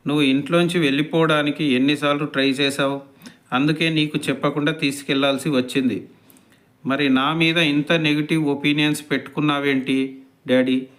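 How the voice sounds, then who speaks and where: A man's voice: on the high side, fairly even intonation, fairly quick, fairly bright tone. A man retelling a TV serial episode, quoting each character's lines in a plain narrating voice.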